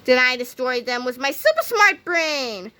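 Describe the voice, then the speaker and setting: A self-important boy genius brags about himself in a bright, clear voice, as a woman reading a storybook aloud puts him on. The tone is a little high and boastful throughout. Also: big pitch swings, a little slow, exaggerated voice.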